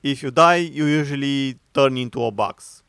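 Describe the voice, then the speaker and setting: Sarcastic male commentary voice, smooth and dry. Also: mid-range voice, fairly bright tone, no echo. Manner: sarcastic, mocking, frequent filler pauses. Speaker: commentary youtuber. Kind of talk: opinionated video commentary.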